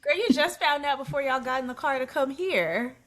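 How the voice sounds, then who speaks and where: A woman's voice: sits high, a little hiss or hum. A woman co-hosting a podcast, chatting casually and animatedly about a reality show. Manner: animated, quotes people in quick put-on voices. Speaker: podcast co-host.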